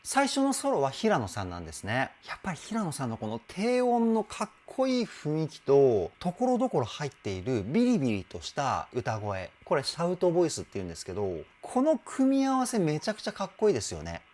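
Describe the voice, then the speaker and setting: A man working as a vocal trainer, reacting to a music video and explaining singing technique patiently, breaking into excited exclamations between explanations. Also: fairly high pitch, brisk, hardly any pauses.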